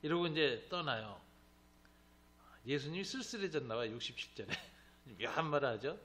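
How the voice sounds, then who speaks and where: A man teaching a Bible class as a pastor, lively and joking, acting out the voices of the people he quotes. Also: mid-range voice, normal speed. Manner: animated, acts out quoted voices, joking asides.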